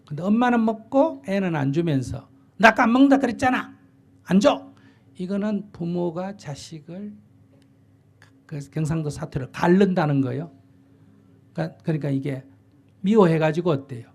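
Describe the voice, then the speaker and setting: A man's voice: on the high side, warm tone. An older man, a Buddhist monk, giving blunt, plain-spoken advice in a dharma talk and acting out what parents and children say. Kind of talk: dharma talk answering a question.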